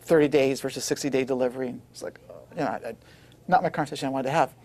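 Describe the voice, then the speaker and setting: A man's voice: mid-range voice, very fast. A man, a record producer, telling an anecdote in conversation and acting out what others said. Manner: lively anecdotal, acts out quoted dialogue. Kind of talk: animated storytelling in conversation.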